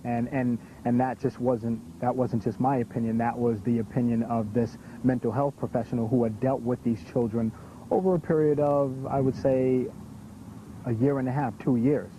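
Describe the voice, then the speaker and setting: A man interviewed for a documentary, speaking carefully and pausing to search for words. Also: medium pitch, level tone, dark tone, slight background noise. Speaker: interviewee with knowledge of the case. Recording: dull lo-fi recording.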